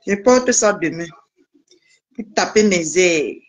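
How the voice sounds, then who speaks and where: A woman's voice: lowish voice, expressive, takes it slowly. A woman vlogger, chatting casually and teasingly to her viewers. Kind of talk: casual live video chat.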